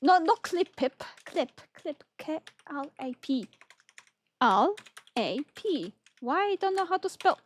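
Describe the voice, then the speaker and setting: A woman's voice: high-pitched, sing-song, slow pace. A young woman streaming a game, sleepy and yawning, chatting playfully with viewers and giggling often. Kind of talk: casual chat with stream viewers.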